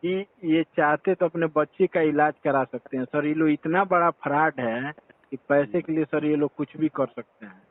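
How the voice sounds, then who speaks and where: Over a tinny phone line, a man from Bihar, India, calls in to report a complaint, sounding deferential, earnest and urgent and calling the listener "sir" constantly. His voice is fairly high, at a moderate pace, with no room sound.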